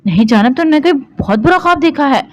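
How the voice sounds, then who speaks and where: A devoted young husband, read by a woman speaks softly and lovingly, reassuring his frightened wife. His voice sits a touch higher than her narrating voice in this audio novel reading. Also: expressive, slight background noise. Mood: soothing. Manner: soothing, affectionate.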